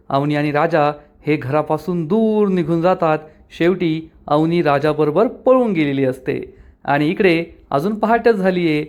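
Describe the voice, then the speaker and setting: A man narrating a recap of a TV serial episode, retelling the story with quoted dialogue. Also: a little high.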